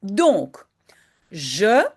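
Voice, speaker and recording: Lively woman teaching. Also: mid-range voice, extremely slow. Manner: lively, clear, explains patiently. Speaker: Dutch teacher. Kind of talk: reading a children's story aloud, then explaining it. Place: indoors, in front of a screen.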